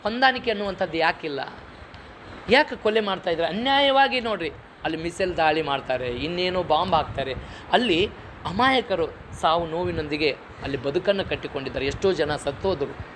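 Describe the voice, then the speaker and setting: A middle-aged man with a North Karnataka Kannada accent and a noticeably high voice gives a public moral lecture at a fairly quick pace. He's lively and folksy, firing off rhetorical questions and telling stories from home, with a faint hiss under the recording.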